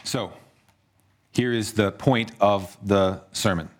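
A man preaching a sermon as pastor, earnest, moving between hushed low passages and raised emphatic ones. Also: steady tone, takes it slowly.

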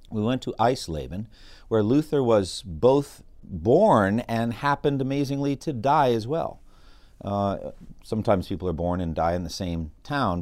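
Earnest low-voiced male podcast host. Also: darkish tone, no echo. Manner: earnest, preacherly, reads quoted passages with dramatic lift. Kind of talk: solo podcast narration on church history.

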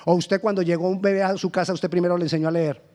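A Colombian man preaching a sermon as pastor, swinging between loud emphasis and hushed lines. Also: sits high, little pitch movement, fast talker. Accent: Colombian Spanish.

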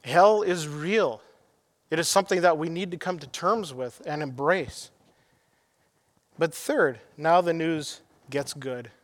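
A man's voice: on the high side, slow, long reverb tail. A middle-aged man preaching a sermon as pastor, earnest and emphatic, telling anecdotes.

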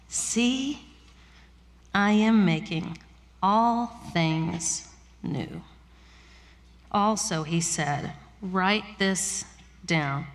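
A woman pastor giving a sermon, reading scripture slowly and reflectively with soft pauses. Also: mid-range voice, big-room sound.

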